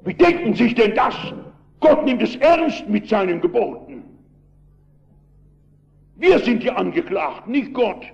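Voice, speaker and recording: An older male pastor preaching a sermon with emphatic storytelling, moving between loud and quiet delivery. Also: high voice, big pitch swings, unhurried, creaky, pauses often, dull audio.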